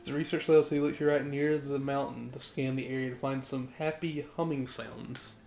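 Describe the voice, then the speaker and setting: A man's voice: mid-range voice, steady tone, normal speed, gravelly, darkish tone. A young man streaming a game live, chatting with viewers, rambling and correcting himself as he goes, sneezy today. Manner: chatty, reads chat aloud, rambling self-corrections. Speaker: gaming streamer. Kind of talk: live gameplay commentary.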